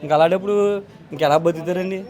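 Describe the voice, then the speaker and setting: A man's voice: high voice, fairly even intonation, fast talker. A man giving his opinion in a street interview, pressing his points with repeated rhetorical questions. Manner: insistent, repeats rhetorical questions, rising louder when heated. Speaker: local resident giving public opinion.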